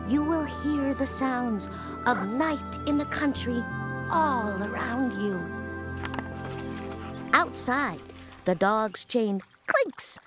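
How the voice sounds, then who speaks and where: A dutiful cartoon robot babysitter, with a high, lively voice and slow, careful delivery. She talks in stiff programmed phrases, then reads aloud in a soft storytelling voice. Faint music plays underneath. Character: female robot babysitter, literal-minded and dutiful. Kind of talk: reading a bedtime story aloud.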